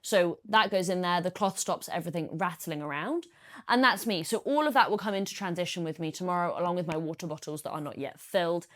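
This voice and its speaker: Talking fast in a fairly low voice, this triathlete vlogger goes through her triathlon gear for a casual how-to vlog. She's chatty and practical and breaks things down step by step.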